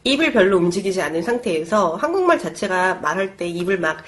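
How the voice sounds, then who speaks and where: A woman's voice: fairly low pitch, big pitch swings, quick pace. A woman co-hosting a casual educational talk show, often chiming in with agreement and steering the conversation between segments. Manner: frequent agreeing interjections, leads the segments. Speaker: podcast co-host.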